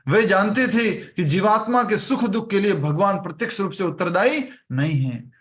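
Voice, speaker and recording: A man's voice: high voice, animated, normal speed, a bit bright. A man teaching an online scripture class over a video call, telling a story and acting out the characters' lines.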